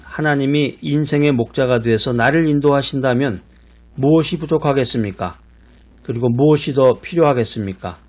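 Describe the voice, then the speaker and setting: A man's voice: mid-range voice, a little mellow. A middle-aged man preaching a sermon as a pastor, earnest and repeating key phrases for emphasis.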